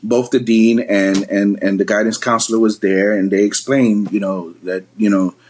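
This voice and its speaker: A man's voice: fairly low pitch, flat delivery, moderate pace, a little mellow, a little hiss or hum. A middle-aged man from the Bronx, a podcast guest, telling a story from his youth in a rambling way, with many ums and restarts. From the Bronx, New York. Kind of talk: storytelling in casual conversation.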